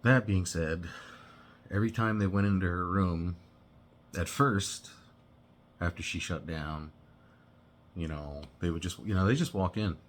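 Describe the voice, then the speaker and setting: A man casually telling a personal story, halting and rambling with many restarts and "you know"s. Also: deep voice.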